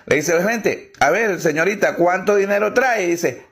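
Joke teller, male, high voice, acts out every character. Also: animated, normal speed, a bit bright. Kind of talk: telling jokes.

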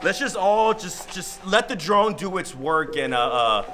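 A young man vlogging outdoors while flying a drone, excitable and rambling, saying "dude" a lot. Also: sits high, unhurried, over music. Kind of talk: excited casual chat.

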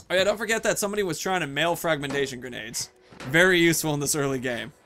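Muttering asides and thinking aloud, a thirtysomething game streamer and host keeps up loose, wandering commentary while he plays. He has a fairly bright voice that sits on the high side.

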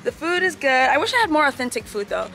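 A woman's voice: sits high, very animated, fast talker, gravelly, bright, forceful tone, soft background music. A woman vlogging her travels in a chatty, upbeat way, talking to her viewers on a phone camera outdoors. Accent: Haitian-American. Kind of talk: casual travel vlog.

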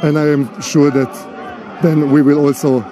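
Man, forties, football coach, halting restarts, handheld mic, outdoor stadium, crowd noise. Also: on the high side, little pitch movement. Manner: halting, restarts often, explains tactics. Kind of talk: post-match interview. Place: outdoors at a stadium, in front of a sponsor board. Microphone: handheld interviewer mic. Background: music and crowd noise.

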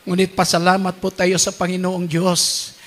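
A male pastor with a Filipino accent preaching a humorous, animated sermon and mixing in English phrases. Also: high voice, moderate pace. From Philippines.

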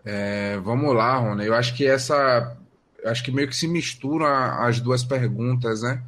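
A man as a guest on a podcast. He tells his story in an easygoing, meandering way, leaning on fillers and little tag questions. His voice sits in an ordinary middle pitch for a man. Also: normal speed, fairly bright tone. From Salvador, Bahia, Brazil. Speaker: guest, musician and music educator. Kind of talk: casual podcast interview answer.

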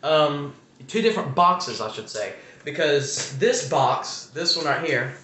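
A man's voice: a little high, sing-song, measured pace, fairly bright tone, echoey room. A man hosting a casual vlog, teasing his friend through a spicy chip challenge and often laughing. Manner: teasing, repeatedly asking how he feels, laughing.

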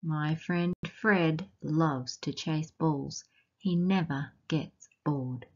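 An Australian woman reads a picture book to young children at an unhurried pace, pausing to ask them questions. Her voice sits a little low and has a soft, breathy huskiness. The recording sounds somewhat dull and lo-fi. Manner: gentle teacherly questions to young listeners. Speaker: children's storytime reader.

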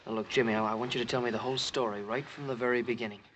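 A man plays a loyal young cowboy in western drama, direct and concerned. He talks quickly over a faintly noisy soundtrack. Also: mid-range voice, fairly even intonation, a bit bright, natural voice. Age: 20s.

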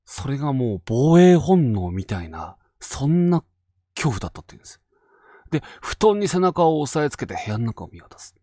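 Man telling a ghost story, wildly swinging pitch. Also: sing-song, normal speed, dry recording, studio quality. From Fukushima Prefecture, Japan. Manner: dramatic storytelling, drops to hushed tones for tension. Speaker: ghost story teller and host. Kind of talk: spoken ghost story narration.

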